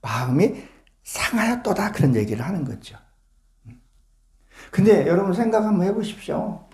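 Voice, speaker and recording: In a church sanctuary before his congregation, a male pastor preaches fervently, pressing rhetorical questions. His voice is high-pitched yet dark in tone, and the sound is reverberant.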